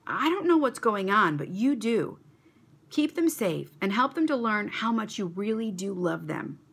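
A woman's voice: mid-range voice, very animated, unhurried, vocal fry, a bit bright, husky, pitched above the performer's own voice, exaggerated voice. A woman voicing an earnest, unsure young schoolboy in a storybook reading.

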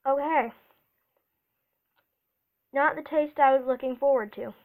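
A woman's voice: sits high, a little slow, narrow, tinny audio. A woman vlogging a casual taste test, chatty and eager, reacting aloud as she tries each one.

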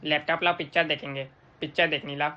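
A woman's voice: low-pitched, fairly even intonation, fast talker, dull audio, noisy background, natural voice. A woman playing a cheeky, demanding young boy who keeps pestering his father. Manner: pestering, bratty.

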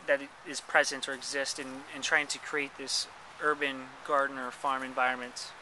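A man's voice: mid-range voice, level tone, normal speed, background noise. Male interviewer outdoors. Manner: asks long, probing questions. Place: outdoors in a city garden.

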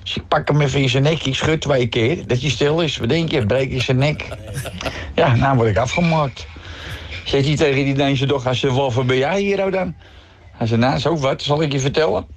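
A man's voice: mid-range voice, normal speed, slight background noise. A middle-aged man with a Dutch accent telling jokes on a radio show, switching voices for the characters. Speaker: joke teller on radio show.

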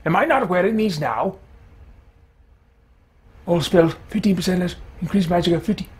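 Roleplaying his character during a let's-play, a streamer voices a fussy, absent-minded, genteel fantasy wizard, musing puzzledly in formal, deliberate phrases. The voice sits high with a breathy edge. He records in a small room at home.

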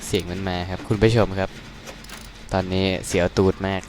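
A young man giving casual, excitable game commentary, swearing crudely and yelping at scares. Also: low-pitched, fairly quick, slight background noise. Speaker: gaming streamer.

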